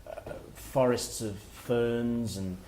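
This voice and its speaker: A middle-aged man, an author giving a workshop talk, speaking in a reflective, halting way as he thinks aloud. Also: mid-range voice, steady tone, mellow, a little hiss or hum. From Wales. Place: workshop room with listeners.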